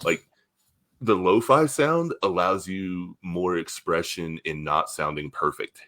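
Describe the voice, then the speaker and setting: A man in his thirties hosts a relaxed podcast chat, easygoing and full of fillers, swearing now and then. His voice sits low and deep. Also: takes it slowly. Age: 30s. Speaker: podcast host, musician.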